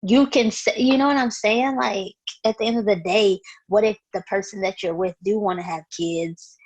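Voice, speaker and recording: A woman with a husky voice in a casual debate, blunt and challenging and free with swearing. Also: mid-range voice, steady tone, moderate pace, rough recording. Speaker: talk show panelist.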